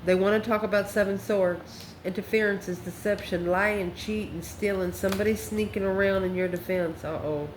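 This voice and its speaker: At a normal speed and with hardly any pauses, a tarot card reader hosting her channel speaks in a steady, mid-range voice. Her manner is folksy and emphatic, full of endearments for listeners, and the recording carries a roomy echo over faint background noise.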